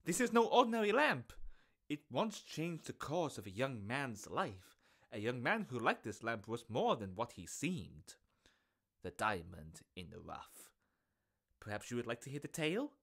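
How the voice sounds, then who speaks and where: A man voicing a sly, chatty street peddler who shifts between hushed and booming theatrical sales patter. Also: sing-song, normal speed, gravelly, heavily acted.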